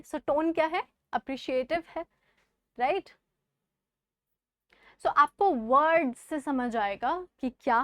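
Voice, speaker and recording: A woman's voice: high voice, dry recording, studio quality. A woman with an Indian accent teaching an online exam-prep lesson. She switches between Hindi and English, quizzes her students and repeats the key words.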